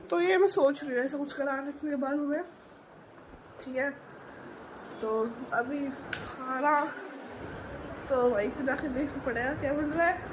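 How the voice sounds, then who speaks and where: A hoarse young woman with a sore throat, chatting in a rambling casual vlog and filming on a handheld phone at home. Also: sits high. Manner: chatty, rambling, fills with "theek hai" and "hai na". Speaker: vlogger. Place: home, preparing a family ceremony. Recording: noisy household background.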